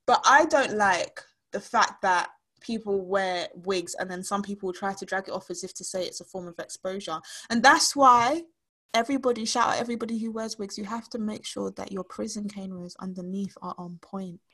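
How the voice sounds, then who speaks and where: Husky woman hosting a playful chat. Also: medium pitch, a little fast, a bit bright. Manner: chatty, playful, self-interrupting storytelling. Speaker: host. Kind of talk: casual chat.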